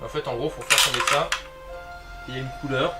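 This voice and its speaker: A man's voice: medium pitch, fairly even intonation, fairly quick. A man hosting a board game session, casually explaining the rules in conversation. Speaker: host presenting a board game. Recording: echoey room, distant mic, music behind. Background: clear music.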